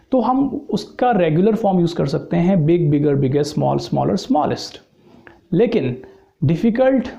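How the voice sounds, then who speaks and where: A man with an Indian accent explaining English grammar in a mix of Hindi and English, slowing down to say his English examples. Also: sits high, gravelly, warm tone, muffled recording. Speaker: English teacher.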